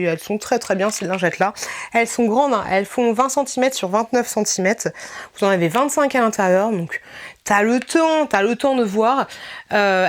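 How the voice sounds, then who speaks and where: A woman chatting casually as she reviews products for her viewers, informal, laughing often and talking to the viewer directly. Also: medium pitch. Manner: addresses the viewer as tu. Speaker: vlogger reviewing shop products.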